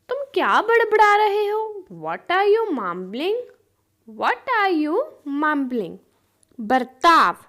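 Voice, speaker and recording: A woman teaches English vocabulary. Her voice is high and swings widely in pitch. She reads every example at a very slow, deliberate pace and repeats it word by word. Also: fairly bright tone. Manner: repeats each English sentence very slowly, word by word. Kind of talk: vocabulary lesson.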